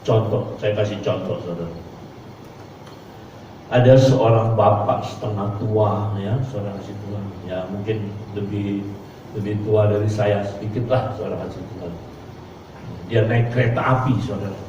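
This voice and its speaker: A male pastor preaching a sermon, punctuating his phrases with a repeated address to the congregation and acting out quoted voices with big pitch jumps. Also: fairly even intonation, moderate pace, noisy background. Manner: preacher's refrain of "saudara kasih Tuhan" between phrases. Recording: echoey church hall from far off, dull.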